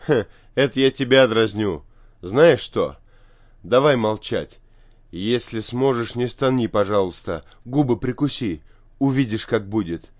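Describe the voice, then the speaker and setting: A man's voice: medium pitch, expressive, a little slow, dry recording, lightly acted. A man voicing a resourceful young boy who speaks in short, firm phrases, in a dry audiobook reading. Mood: calm.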